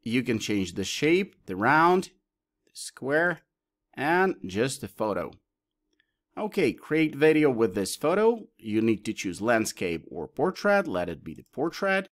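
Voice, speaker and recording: A man presenting a software tutorial, explaining each option step by step as he clicks through it. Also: medium pitch, very animated, a little slow. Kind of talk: screen-recorded tutorial walkthrough.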